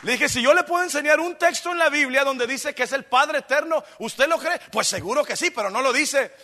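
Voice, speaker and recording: Man, pastor, high bright voice, animated sermon, shouts at peaks, long church reverb. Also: a little fast, slight background noise. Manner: animated preaching, swings from soft storytelling to shouting.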